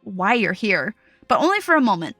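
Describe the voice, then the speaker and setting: A woman narrating as dungeon master in a tabletop game, setting scenes in a calm, descriptive way. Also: medium pitch, a little fast, no echo, faint music behind.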